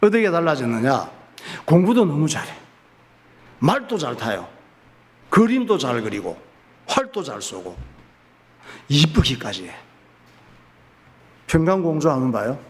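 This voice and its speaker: A pastor telling a folk tale in his sermon, lively and folksy, often asking and answering his own questions. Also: a little high, measured pace, long pauses. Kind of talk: sermon storytelling. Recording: reverberant church hall.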